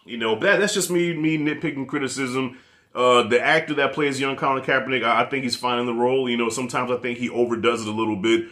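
Talking fast at a medium pitch, a New York-accented movie reviewer in his thirties sits in his living room critiquing a show on camera. Close to his desk mic, he rants in a loose, profane, animated way, gesturing with his hands.

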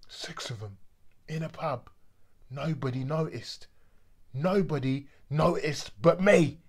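A middle-aged man playing a brooding pub bouncer with simmering anger, telling his story as a dramatic stage monologue in a husky voice. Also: medium pitch. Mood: tense, haunted. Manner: deliberate bouncer's storytelling, breaking into shouts.

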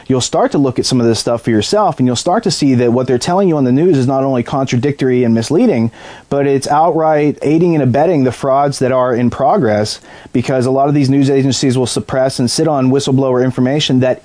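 A man with a medium-pitched, mellow voice gives long, earnest interview answers as a whistleblower. His explanations run on at length, and he keeps restarting mid-sentence.

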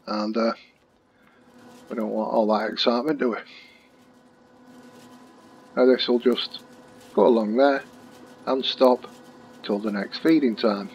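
A man's voice: medium pitch, unhurried, vocal fry, pauses often, muffled recording, a little hiss or hum. A man, hosting casual, jokey commentary over a farming game he is playing. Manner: chatty, jokey, relaxed. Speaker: gaming channel host.

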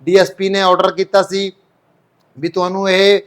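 A fairly high but flat-voiced man with a Punjabi accent reports the news, laying out the background step by step in an even, explanatory tone. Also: moderate pace.

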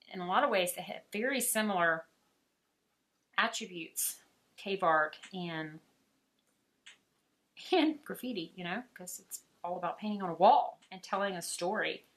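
An art teacher from Alabama talks in easy, chatty fashion, with a mild Southern accent. The woman's voice is bright and forward, and she breaks into laughter often as she talks. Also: medium pitch. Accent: Southern American. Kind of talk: casual chat while painting.

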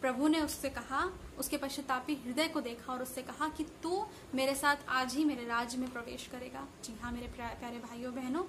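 Young woman from india, high voice, earnest preachy bible talk, filmed up close on a phone in a room. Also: steady tone, moderate pace, few pauses, a bit bright, a little hiss or hum. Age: young adult. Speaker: parish member sharing a Bible message. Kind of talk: devotional Bible reflection. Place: room indoors with curtains and flowers.

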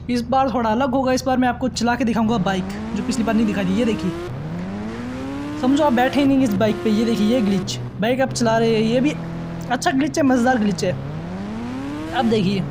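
A man hosting casual mobile gameplay commentary, chatty and excited, exclaiming at what happens on screen. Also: extremely high pitch, brisk, background noise. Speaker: mobile gaming channel host. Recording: game sounds under the voice.

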